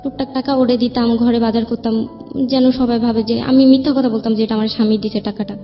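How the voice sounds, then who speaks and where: Fairly quick and flat in delivery, a young woman with a fairly high voice and a Bangladeshi accent rambles informally about her own life as an interview guest. The recording is muffled and lo-fi with background music.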